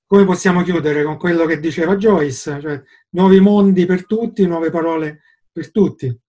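Man, fairly high voice, courteous interview host, video call. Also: moderate pace, muffled recording. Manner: warm, courteous thanks.

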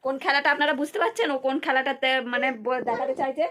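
Woman, fairly high voice, sing-song mom vlogger talking to her little one at home. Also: fast talker, fairly bright tone, slight background noise. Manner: coaxing sing-song chatter with a toddler, then chatty asides to viewers. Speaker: family vlogger and mother. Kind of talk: casual family vlog.

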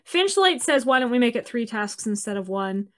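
A woman's voice: on the high side, sing-song, moderate pace. A woman hosting a casual chat, reading book passages aloud and joking about them. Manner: reads quotes with small character voices, laughs often. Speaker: host.

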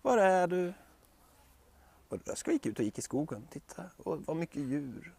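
Guy telling a bedtime story, super animated, lots of sound effects, dry room. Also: mid-range voice, vocal fry, slightly rough, dry recording. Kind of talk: bedtime story told to a child.

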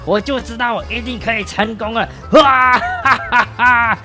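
Guy putting on a squeaky bragging middle-aged dude who whoops and yells, game cartoon style. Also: steady tone, moderate pace, music in the background. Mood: gleeful. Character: boastful middle-aged man, dumped by family, reckless show-off.

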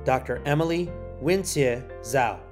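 A man calls out graduates' names in a formal roll call, steady and measured, each name given its own moment. Clear music plays underneath him throughout. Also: mid-range voice. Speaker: ceremony name reader.

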